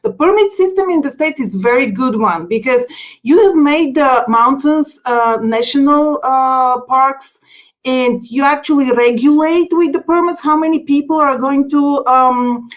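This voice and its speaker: Speaking a little slowly, an explorer from Bulgaria whose first language is Bulgarian appears as a guest in a casual podcast interview. Her voice is high, and she eagerly talks in long, run-on explanations over dull lo-fi audio.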